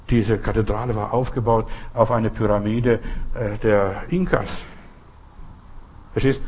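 Over slight background noise, a medium-pitched male voice gives an unscripted sermon full of short commands and little stories. His folksy, exhorting delivery is repetitive and often turns straight to the listener with quick appeals.

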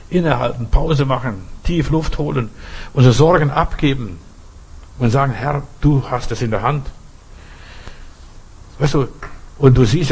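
A man's voice: husky, rough recording. A man preaching a sermon, asking rhetorical questions and repeating phrases for emphasis. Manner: acts out quoted voices with sudden pitch jumps.

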